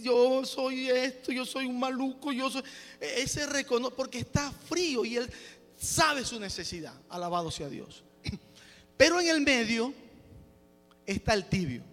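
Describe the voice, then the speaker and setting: This preacher's very high, somewhat bright voice carries the sound of a big room as he addresses his church congregation. He keeps interjecting praise to God, and his exhortation is marked by stumbles and restarts as he explains.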